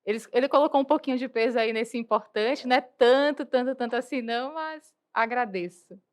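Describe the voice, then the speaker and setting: Briskly and in a slightly high voice, this young Bahian woman talks church matters as a guest on a podcast interview. A lawyer who also works as a lay church worker, she has a Bahian Portuguese accent, speaks earnestly and articulately, and frequently tacks on tag questions.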